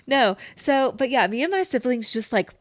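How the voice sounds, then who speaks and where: A young woman co-hosting a podcast in casual chat, filling her talk with "like" and quick laughs. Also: high-pitched, lively intonation. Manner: chatty, says "like" constantly, quick laughs. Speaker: podcast co-host.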